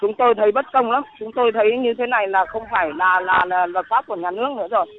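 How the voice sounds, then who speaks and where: A woman calling in as an eyewitness, speaking in a halting, indignant way over the phone. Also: medium pitch, fairly even intonation, crowd noise. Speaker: eyewitness caller. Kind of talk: phone interview. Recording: tinny phone line.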